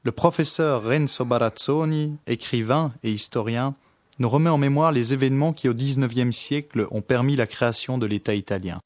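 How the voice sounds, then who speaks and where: A man reading documentary narration briskly and clearly. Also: medium pitch, a little hiss or hum. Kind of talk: scripted narration.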